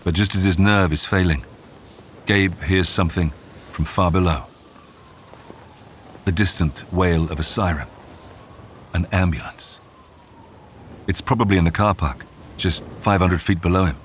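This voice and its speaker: A man giving measured, scripted narration of a true survival story. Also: low voice, a little hiss or hum. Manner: measured, even storytelling delivery. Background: faint music.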